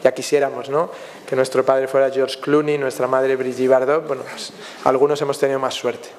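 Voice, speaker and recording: A man's voice: medium pitch, flat delivery, brisk. A man from Spain, a film director answering questions at a press conference, telling anecdotes in a reflective way with frequent tag questions. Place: festival press room. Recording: long hall reverb.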